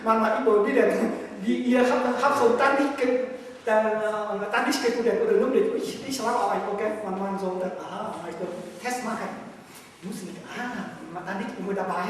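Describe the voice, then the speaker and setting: A man with a Vietnamese accent, a meditation master giving a spiritual lecture in halting, broken German, playful and quick to laugh. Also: sits high. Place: large echoey hall. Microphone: distant room mic. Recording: echoey hall from far off, faint hiss.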